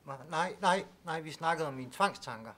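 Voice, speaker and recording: A man doing a distressed patient, stammering, exasperated, slightly high voice, faint background noise. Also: animated, a bit bright. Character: distressed man with obsessive thoughts seeking new medication. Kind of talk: student film acting.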